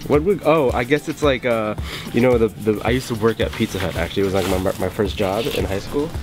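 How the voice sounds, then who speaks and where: A man's voice: lowish voice, fast talker. A man chatting casually in an office, recorded on a handheld camera. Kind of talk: casual chat. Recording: music over office camera audio.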